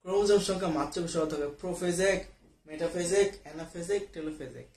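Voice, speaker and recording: High-voiced man tutoring biology, echoey room. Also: quick pace, a little mellow. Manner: casual, often checks in with students; mixes English words into speech. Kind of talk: online class, solving quiz questions.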